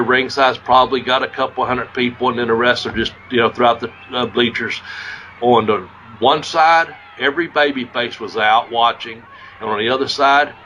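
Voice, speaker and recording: A man's voice: medium pitch, pushed and bright, dull audio, a little hiss or hum. A man hosting a podcast and telling wrestling stories in a rambling, profane way, losing his voice a little. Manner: rambling, profane, restarts often. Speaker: podcast host, former wrestler. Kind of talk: casual storytelling.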